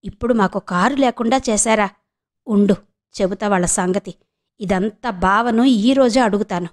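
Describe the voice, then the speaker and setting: A woman's voice: mid-range voice, normal speed, close to an everyday voice. A woman voicing a hot-tempered young wife who scolds and demands. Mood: angry.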